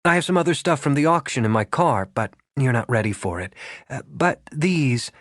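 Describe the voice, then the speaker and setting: A man voicing an anxious young woman who is orderly yet flustered, speaking fast and rising in pitch. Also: animated, a bit bright, no echo. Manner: quick, rising, flustered delivery. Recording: dry close studio sound.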